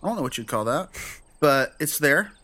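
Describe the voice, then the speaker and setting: A man's voice: a little high, lively intonation, moderate pace, bright, forceful tone. Man casually narrating as game master. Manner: explanatory, conversational.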